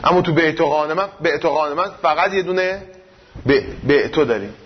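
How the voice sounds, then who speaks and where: A man's voice: a little high, breathy edge, muffled recording. A man teaching a seminary class on jurisprudence, explaining points with rhetorical questions.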